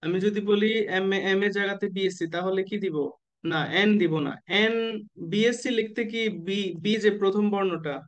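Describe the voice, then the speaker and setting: A man tutoring nursing exam candidates in an online class, who keeps asking the students questions and slowly spells out letters and abbreviations. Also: high voice. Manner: asks the class questions and waits for answers.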